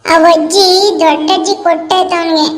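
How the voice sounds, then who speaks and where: A woman's voice: very high-pitched, steady tone, normal speed. A woman voicing a whiny young village boy in a cartoon, insistent. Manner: whining, insistent.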